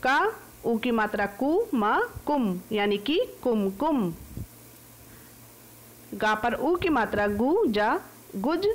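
An Indian woman teacher leads an online class for small children, breaking every word into single syllables. Her delivery is very slow and careful, and her voice sits a little high. A faint hiss runs under the recording. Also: expressive. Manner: slow, syllable-by-syllable phonics drilling.

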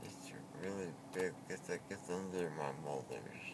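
A young man with a very low voice talks slowly and haltingly, still groggy from sedation. His mouth is numb and he sounds confused, in casual conversation inside a car with clear background noise. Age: young adult. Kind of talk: casual chat. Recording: clearly noisy in-car recording.

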